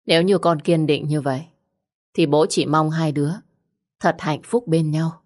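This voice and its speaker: Brief: a woman reading a gentle fatherly figure, low and measured, storybook reading. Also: steady tone. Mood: advising. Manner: soothing, measured advice. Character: calm older father, gentle and advising.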